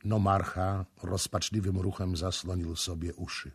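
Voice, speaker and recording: A man narrating an audiobook in a measured, dramatic reading. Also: sits low, little pitch movement, slightly rough.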